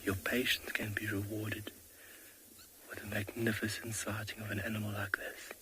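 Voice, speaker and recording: A man whispering live wildlife commentary as a safari guide at a watering hole, hushed and awed. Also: lowish voice, monotone, moderate pace. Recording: outdoor ambience noise.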